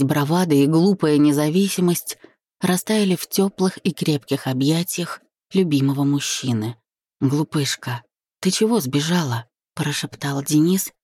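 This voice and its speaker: A woman narrating a first-person romance audiobook in an even, intimate manner. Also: low voice, husky, no echo.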